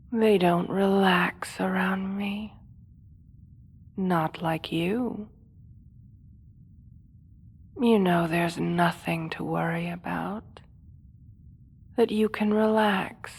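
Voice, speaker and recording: A woman playing a seductive, manipulative supervillain in a hypnosis audio role-play, speaking softly with slow theatrical menace, often slipping into a whisper. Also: medium pitch, husky. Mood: coaxing, hushed. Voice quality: soft, often dropping to a whisper.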